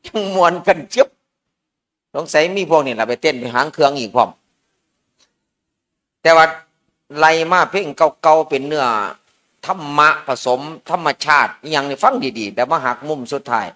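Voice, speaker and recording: Isan monk guy telling jokey stories in a sermon, kinda high voice. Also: normal speed, sharp tone. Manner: folksy, joking storyteller. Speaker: Buddhist monk. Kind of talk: informal sermon at a merit-making ceremony.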